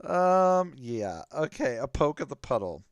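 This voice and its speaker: A man narrating a tabletop game as dungeon master, animated and often laughing. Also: medium pitch, measured pace, dry recording, studio quality.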